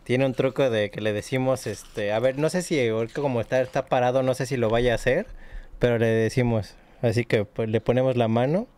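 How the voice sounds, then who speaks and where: A young man with a Mexican accent chatting casually and playfully as a livestreamer, speaking haltingly close to the mic. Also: medium pitch, fairly even intonation, a little mellow. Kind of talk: casual chat. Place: small indoor room at a desk. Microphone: studio microphone close to the mouth.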